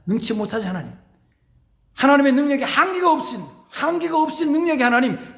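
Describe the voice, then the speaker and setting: A man's voice: high-pitched, reverberant. A male pastor delivering a dramatic sermon, acting out the voices of biblical figures as he preaches.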